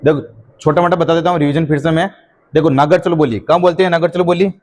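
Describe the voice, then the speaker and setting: A man teaching a class and dictating notes for his students to write down. His voice sits a little high, and he keeps quizzing the class with a question before answering it himself. He repeats the same answers several times over. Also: steady tone, fast talker, darkish tone, a little hiss or hum.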